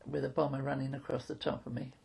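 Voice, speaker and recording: This is an old woman in her eighties with a London accent. Her voice is heavily creaky and husky, with a soft, dark tone. She talks casually about the past in a plain, matter-of-fact way. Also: rumbling low, little pitch movement, fast talker. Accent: London English. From London, England. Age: 80s. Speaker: interviewee. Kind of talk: casual reminiscence of wartime childhood.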